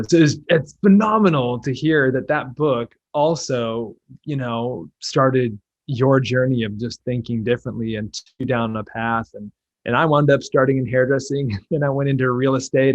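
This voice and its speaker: An enthusiastic man hosting a podcast, often repeating himself and restarting as he speaks. The recording sounds a little dull and lo-fi. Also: mid-range voice. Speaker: podcast host. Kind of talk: casual interview chat.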